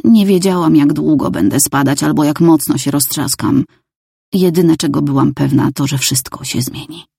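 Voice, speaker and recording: Woman reading a story aloud, calm, kinda gravelly and dark, dry sound. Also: sits low, moderate pace, dry recording. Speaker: audiobook narrator. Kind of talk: scripted first-person narration.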